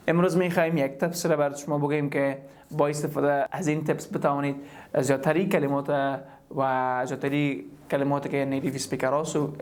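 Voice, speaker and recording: A man with an Afghan Dari accent, teaching an English pronunciation lesson and explaining step by step as he repeats words to demonstrate. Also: fairly high pitch.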